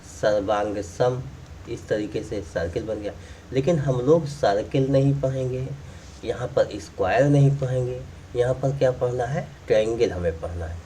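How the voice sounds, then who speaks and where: Heard far from the mic over slight background noise, the man's voice is mellow and medium-pitched. Drawing as he teaches, he explains the math step by step in class and repeats the important points.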